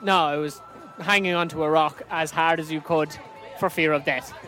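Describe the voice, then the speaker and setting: Easygoing man, slightly higher voice. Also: steady tone, moderate pace, bright, forceful tone, soft background music, a faint crowd. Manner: easygoing and playful. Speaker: travel vlog co-host. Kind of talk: casual travel chat. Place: outdoors on a river boat.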